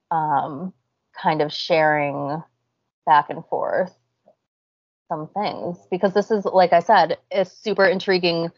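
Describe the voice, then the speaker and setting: A woman with a hoarse, raspy voice that breaks as if she is losing it, chatting casually as a podcast co-host. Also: fairly low pitch, dry recording, highs cut off.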